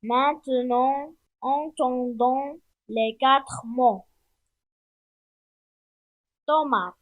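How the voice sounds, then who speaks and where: A woman giving a primary-school phonics lesson, with slow, clear, repeated instructions for children. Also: high-pitched, narrow, tinny audio. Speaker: teacher.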